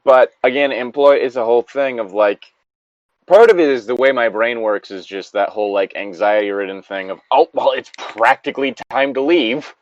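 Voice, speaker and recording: In a mid-range voice at normal speed, a podcast co-host casually chats and reads a story aloud with commentary, swearing and drifting into digressions. The recording is dry and lo-fi.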